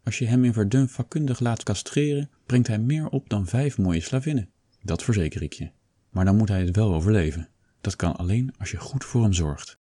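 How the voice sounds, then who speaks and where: A man's voice: on the low side, moderate pace, dark tone, husky, no room sound. A man voicing a blunt, practical blacksmith giving matter-of-fact advice. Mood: advising.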